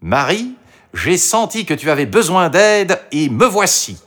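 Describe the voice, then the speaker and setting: Clever storybook fox, a man voicing it: lively, coaxing, raised voice. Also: high voice, measured pace, pitched above the performer's own voice, full character voice. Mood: helpful. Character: clever helpful male fox, sly and warm.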